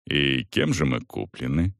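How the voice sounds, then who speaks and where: A man voicing a calm male magister who speaks low, quietly and formally. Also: a little slow, creaky, dry recording, studio quality, exaggerated voice. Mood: composed. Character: calm learned male magister of an audit commission.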